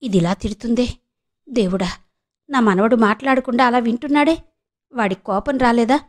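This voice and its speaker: A woman's voice: fairly high pitch, moderate pace, lightly acted. A woman voicing an anxious older grandmother who frets and mutters to herself. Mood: worried.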